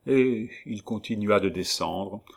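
Male audiobook narrator, lowish voice, measured and unhurried. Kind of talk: scripted narration of a classic novel.

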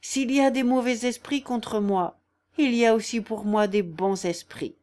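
A woman reading aloud, voicing a gentle, candid young peasant girl in mourning, with an earnest manner. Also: a little high, measured pace, lightly acted.

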